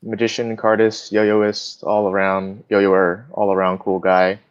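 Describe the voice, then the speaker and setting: A man's voice: fairly low pitch, completely flat delivery, a little slow, clear, resonant tone, dry recording. A man chatting as a guest on a live stream, explaining things in an easygoing way with plenty of fillers. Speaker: guest cardist. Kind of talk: casual live-stream chat. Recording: dull lo-fi dry sound.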